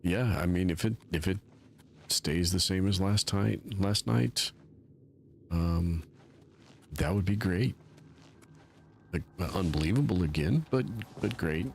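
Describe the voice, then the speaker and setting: A man's voice: low-pitched, takes it slowly, vocal fry, long pauses, slight background noise. A man streaming a game live, rambling in a self-mocking way and chatting with his viewers. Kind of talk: casual live-stream commentary.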